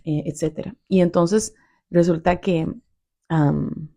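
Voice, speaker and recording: A woman's voice: on the low side, takes it slowly, gravelly. A woman with a Costa Rican accent, a biblical counselor and podcast host, chatting casually and acting out the quoted lines with a raised voice. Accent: Costa Rican Spanish. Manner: animated, acts out quoted lines in a raised voice, laughs often. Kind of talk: casual storytelling to listeners.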